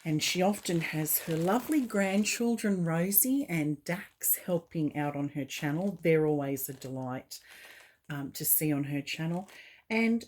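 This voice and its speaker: A woman hosting a doll collecting channel, talking gently and haltingly with frequent fillers as she opens a parcel. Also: low voice. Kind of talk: unboxing vlog chat.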